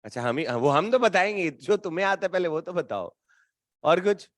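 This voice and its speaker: A man teaching physics to a class in a casual, teasing way, bantering with students and slowing down to stress key terms. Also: high voice, animated, a bit bright, dry recording, clean studio sound. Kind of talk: classroom lecture.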